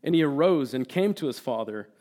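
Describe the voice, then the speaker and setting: Raised in Turkey with Turkish as his first language, a man preaches as a guest preacher in a mid-range voice at a brisk pace. His sermon is earnest and animated; he repeats words for emphasis and reads scripture aloud.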